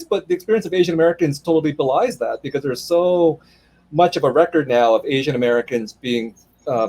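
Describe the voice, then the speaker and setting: A man moderates a livestreamed author conversation over video call, speaking thoughtfully but with frequent restarts and repeated words. His voice is a little high and a little mellow.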